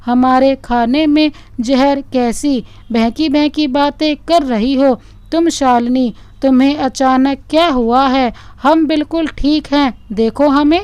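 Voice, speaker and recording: A woman doing a calm reassuring husband. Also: sits high, unhurried, no echo. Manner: soothing, reassuring.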